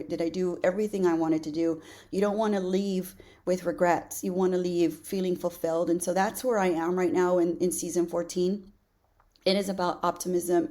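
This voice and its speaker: A woman's voice: lowish voice, dark tone. A woman in her late forties hosting her own podcast, talking earnestly and encouragingly to her listeners, often restarting with "you know" and repeated words. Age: 40s. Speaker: podcast host. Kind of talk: casual solo podcast talk.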